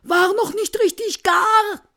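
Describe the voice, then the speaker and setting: A woman voicing a pair of brash, greedy male intruders in a recited ballad, speaking high and loud. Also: slow pace, exaggerated voice. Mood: mocking.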